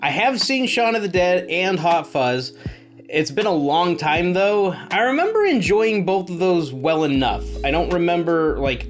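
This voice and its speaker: A man's voice: high voice, very animated, measured pace, faint music behind. A man chatting casually as he hosts a movie reaction video, amused with himself and full of hesitant fillers.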